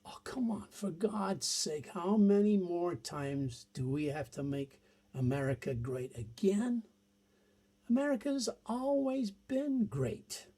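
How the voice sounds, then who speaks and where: A man with a husky, mellow voice swoops up and down as he talks. He speaks slowly and sounds exasperated, leaning hard on his points with sing-song emphasis. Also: high-pitched, big pitch swings.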